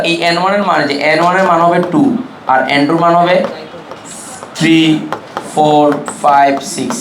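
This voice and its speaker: Male chemistry teacher, Chittagong Bengali accent, higher pitch, quizzes the class, echoey classroom. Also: slight background noise. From Bangladesh. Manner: drills students with call-and-response questions and mnemonics. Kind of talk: classroom lecture.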